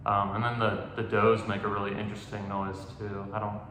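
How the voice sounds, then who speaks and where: Young man with a bright, echoey voice. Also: fairly low pitch, monotone, brisk. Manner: rambling, many "like" and "um" fillers. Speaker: podcast host. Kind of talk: casual hunting story chat. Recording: echoey room with long reverb, faint noise.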